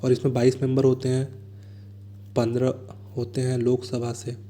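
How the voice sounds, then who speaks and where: Indian man, exam coach, dark mellow tone, monotone and unhurried delivery. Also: medium pitch, slight background noise. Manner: reads questions slowly, then explains in fast asides. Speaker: exam prep teacher. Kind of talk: explaining exam answers.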